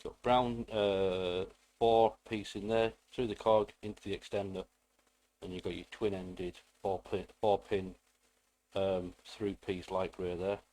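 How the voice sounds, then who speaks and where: A man's voice: deep voice, flat delivery, a little slow, a little mellow, a little hiss or hum. A British man giving a casual hands-on build tutorial in a rambling, self-deprecating way with playful asides. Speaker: hobbyist presenter.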